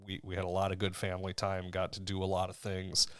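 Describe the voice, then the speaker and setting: A man in his thirties co-hosting a podcast, chatting in a relaxed, rambling way with lots of fillers. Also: sits low, fast talker, no echo. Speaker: podcast co-host. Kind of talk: casual chat.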